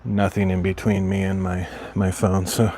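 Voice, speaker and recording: A man works in his craft room at home while streaming, chatting in a mild, low-key way, wandering off topic and correcting himself. His tone is level and a little mellow, at a moderate pace.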